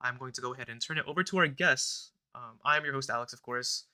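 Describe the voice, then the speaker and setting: A man's voice: mid-range voice, fast. A young man hosting a casual podcast, chatting loosely with many fillers. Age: young adult. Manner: relaxed, rambling, filler-heavy, recites a prayer. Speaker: podcast host.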